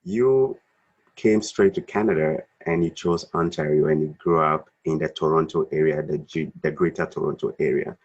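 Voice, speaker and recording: Husky low-voiced male interview host. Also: steady tone, moderate pace, dull audio. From Africa. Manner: friendly, encouraging interviewer. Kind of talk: online video-call interview. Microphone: video call.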